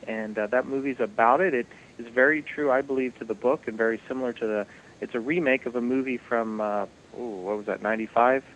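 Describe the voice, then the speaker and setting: A man's voice: mid-range voice, fairly even intonation, fairly quick. Man on a dull, hissy radio line. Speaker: ministry guest. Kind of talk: radio interview conversation.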